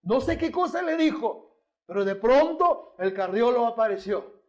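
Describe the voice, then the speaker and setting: High-voiced male pastor telling a story. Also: lively intonation, moderate pace. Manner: storytelling with rhetorical call-and-response questions. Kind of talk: sermon.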